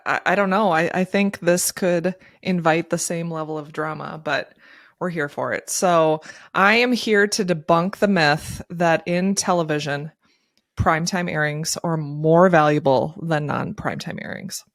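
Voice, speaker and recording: A woman co-hosting a podcast, explaining her points conversationally with animated asides. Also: low voice, a little slow, dry recording, studio quality. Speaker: podcast co-host, TV ad agency marketer.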